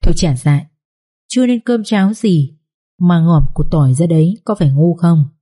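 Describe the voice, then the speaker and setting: A woman narrates a story, in a lively, colloquial manner. Her voice sits low and sounds mellow. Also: moderate pace, slightly rough.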